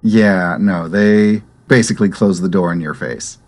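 A man running a tabletop role-playing game as game master, narrating in a calm, matter-of-fact way. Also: low-pitched, unhurried.

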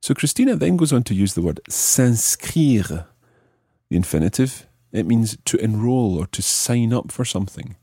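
In a dry, close recording with no room sound, a man with a low, clear, mellow voice gives a deliberate language lesson. He shifts between explanations and French examples, and his delivery is expressive.

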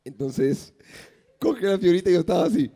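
A man's voice: sits high, lively intonation, a little fast, warm tone, husky. A male comedian, telling a story on a live comedy podcast and acting out the dialogue.

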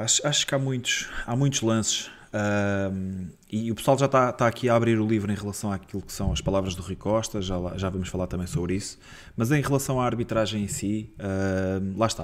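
A man with a European Portuguese accent co-hosting a football podcast, talking in a casual, animated way that turns heated and exasperated, with frequent restarts. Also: on the low side. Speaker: co-host of a football club podcast. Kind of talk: casual football analysis chat.

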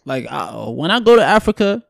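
A man's voice: high voice, big pitch swings, a little fast, gravelly, a bit bright, no echo, clean studio sound. A man from Guyana in casual podcast chat, blunt, opinionated and slangy.

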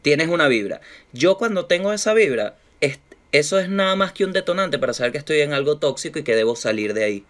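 A man's voice: on the high side, quick pace, hardly any pauses. A man with a Venezuelan accent telling a casual, slang-heavy anecdote on a chat show. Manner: lively anecdotes full of slang, acts out quoted voices.

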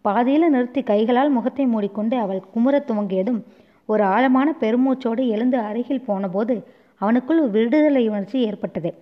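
A woman reads a novel aloud in a measured, expressive storytelling voice. Her pitch sits somewhat high. The recording is dull and lo-fi. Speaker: narrator. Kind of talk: audiobook novel reading.

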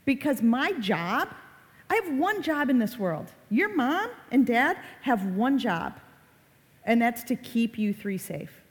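A woman in her forties speaks to an audience of parents and children, lively and conversational as she acts out little family scenes. Her voice sits a touch high. A long reverb trails behind her, as in a big hall. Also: slow pace. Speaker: child safety presenter. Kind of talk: live presentation to parents and kids.

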